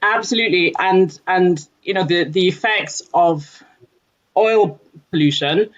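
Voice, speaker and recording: This Nigerian woman, an environmental lead at a company, speaks in an unhurried, lowish voice. She discusses her background and career earnestly on a podcast, her speech scattered with fillers, and the recording has a dull lo-fi quality.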